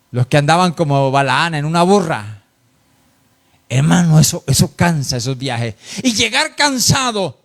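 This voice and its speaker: A man's voice: fairly high pitch, gravelly, fairly bright tone. A man preaching a sermon in church, emphatic and repetitive, often addressing his listeners as brother. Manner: emphatic, repeats phrases, addresses "hermano".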